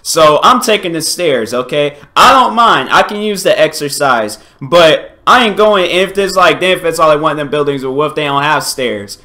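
A man's voice: a little high, animated, moderate pace, few pauses, bright, forceful tone. A young man hosting a reaction video, chatting casually and informally. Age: young adult. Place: home kitchen or dining area, indoors.

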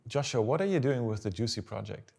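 A man's voice: medium pitch, expressive, gravelly, darkish tone, breathy edge. A man hosting a short interview, upbeat and encouraging as he asks questions. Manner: upbeat, quick with encouraging backchannels. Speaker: interview host. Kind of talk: casual interview. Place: dark studio, indoors.

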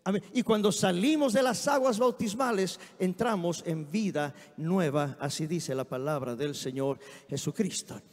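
A man preaching a sermon in a church, telling anecdotes in a lively way and often exclaiming amen. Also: high-pitched, normal speed. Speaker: guest preacher. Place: church sanctuary. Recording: long hall reverb.

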